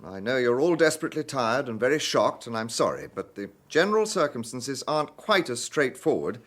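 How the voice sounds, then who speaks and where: An actor playing a polite, weary British gentleman police inspector in a radio drama, measured and quietly probing. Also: mid-range voice, very animated. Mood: courteous, probing.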